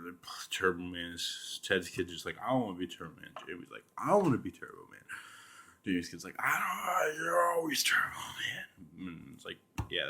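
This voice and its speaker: A man's voice: low voice, gravelly, fairly bright tone. A man casually reviewing a film while drinking, rambling and swearing with lots of fillers. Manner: rambling, profane, full of fillers. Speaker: movie reviewer.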